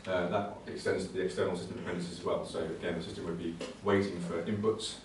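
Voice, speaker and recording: He talks fast, presenting technical material informally in a low voice that stays fairly flat, at a computing conservation talk. Hesitant and conversational, he doubles back on words while explaining. The indoor venue sounds heavily echoey through a distant mic, with faint noise underneath.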